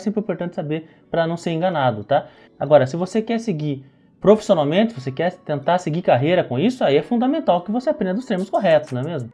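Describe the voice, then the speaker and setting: A Brazilian man with a Brazilian Portuguese accent teaches lettering, explaining as he demonstrates and often checking in with the listener. His voice is high and mellow.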